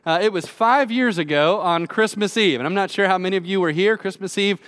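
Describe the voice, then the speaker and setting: A man's voice: high voice, brisk, a bit bright. A man preaching a sermon as pastor from a church stage at a pulpit microphone, in a chatty, conversational way with filler words.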